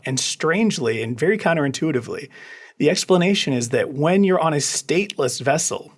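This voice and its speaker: A man, an attorney guest on a legal podcast, explaining a case in a casual, musing way with frequent restarts. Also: medium pitch.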